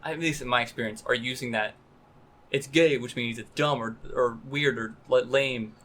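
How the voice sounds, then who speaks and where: A man co-hosting a casual podcast chat, thinking out loud in a reasoning way. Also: mid-range voice, moderate pace, a little hiss or hum. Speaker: podcast co-host.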